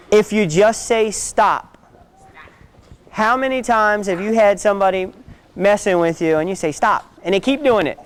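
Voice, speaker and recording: A man's voice: sits high, smooth. A man teaching a self-defense class, giving direct instructions and often checking in with "okay?".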